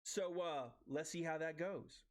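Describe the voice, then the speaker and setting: A man's voice: on the high side, steady tone, a little slow, background noise. A man in his forties with a New York accent, hosting a podcast in casual, chatty interview banter. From Brooklyn, New York. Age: 40s. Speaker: podcast host.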